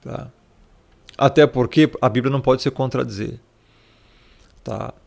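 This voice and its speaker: A man teaches scripture in a relaxed Bible study, walking through it point by point. His voice has a gravelly rasp and sits at an ordinary middle pitch. He keeps it conversational, often tossing in little tag questions and calling the listener brother. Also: a little slow. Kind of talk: casual Bible study explained over a shared screen.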